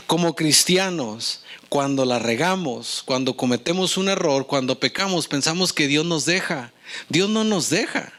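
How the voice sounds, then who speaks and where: A man's voice: fairly high pitch, a bit bright. A man preaching a sermon as pastor, speaking in with an earnest tone and often turning questions to his listeners. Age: adult with young children.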